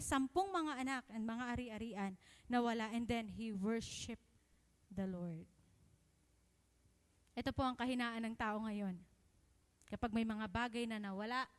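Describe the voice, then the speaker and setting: A young Filipino woman preaching at a youth service, expressive and often asking her listeners questions. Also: on the high side. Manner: expressive, asks the crowd questions, switches between Tagalog and English. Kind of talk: sermon. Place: church hall. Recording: long reverb in a hall.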